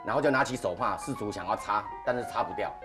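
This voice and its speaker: A man's voice: fairly low pitch, fast, music in the background. A man with a Taiwanese Mandarin accent, hosting a podcast and telling ghost stories to a panel in a casual, dramatic way. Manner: animated, dramatic storyteller. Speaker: podcast host.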